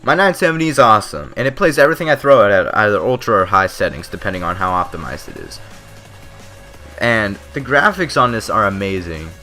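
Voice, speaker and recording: A man's voice: lowish voice, lively intonation, fairly quick, sharp tone, faint music behind. A man giving casual, rambling, unscripted gaming commentary, stumbling over words a little, his lip still numb from dental Novocaine. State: lip numb from dentist's Novocaine, speech slightly off. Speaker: gaming video creator giving opinions.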